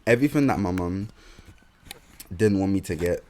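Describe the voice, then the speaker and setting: A young man with a London accent holds the floor on a casual podcast. He tells a rambling story packed with slang, in a lowish voice that swoops up and down with plenty of life. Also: expressive, normal speed, noisy background. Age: young adult. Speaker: podcast co-host. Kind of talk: casual chat.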